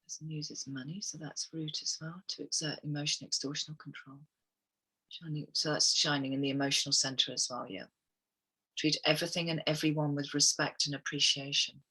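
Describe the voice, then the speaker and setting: A woman reading chakra statements on a group call and guiding listeners through affirmations, soft-spoken and musing, often murmuring "okay" between readings. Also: sits low, steady tone, fairly quick, breathy edge, poor audio. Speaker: wellness guest speaker.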